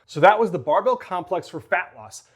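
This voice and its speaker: A man coaching as a fitness trainer, energetic and out of breath after a workout. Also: high-pitched, normal speed, slightly rough. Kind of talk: workout demonstration vlog.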